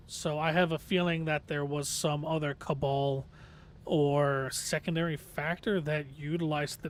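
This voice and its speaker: A man's voice: fairly high pitch, a little hiss or hum. A man livestreaming a game in casual, earnest, hesitant chat, his voice slightly reedy and tired from long talking.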